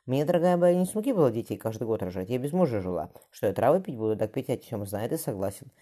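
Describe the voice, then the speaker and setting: A woman's voice: extremely low pitch, sing-song, fast talker, warm tone, heavily acted. A reader voicing a confident, blunt noblewoman and expectant mother with an earthy, plainspoken manner. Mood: firm. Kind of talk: audiobook character voicing.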